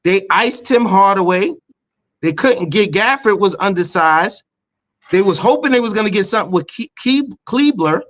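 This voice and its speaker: A man's voice: high voice, expressive, normal speed, a bit bright. A man co-hosting a sports podcast, arguing his point insistently and repeating himself for emphasis. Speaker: podcast co-host. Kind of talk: casual sports debate.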